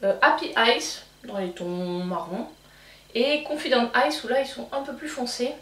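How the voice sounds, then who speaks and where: In an unhurried, fairly bright voice on the high side, a young beauty vlogger casually reviews a beauty box, rambling with fillers and restarts. She has a French accent she points out herself, and the sound is distant and echoey.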